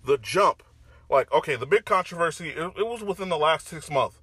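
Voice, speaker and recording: A man's voice: fairly high pitch, animated, brisk, fairly bright tone, breathy edge, dry recording. A man with an American accent and a slight lisp, ranting casually in a blunt, profane, conversational way. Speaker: online commentator. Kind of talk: casual opinionated rant.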